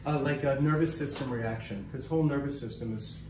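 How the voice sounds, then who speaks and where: Working on patients in a small treatment room, a chiropractor in his 50s, who also hosts, keeps up a blunt, joking, casual chat in a medium-pitched voice at a slightly quick pace. His audio comes from a camera mic held a few feet off, giving a roomy, distant sound with a bit of faint noise.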